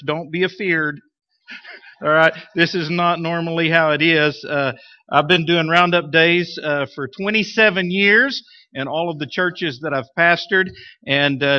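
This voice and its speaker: A man, preaching as a pastor in a folksy, emphatic way. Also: a little high. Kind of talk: sermon. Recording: dull, muffled lo-fi church recording.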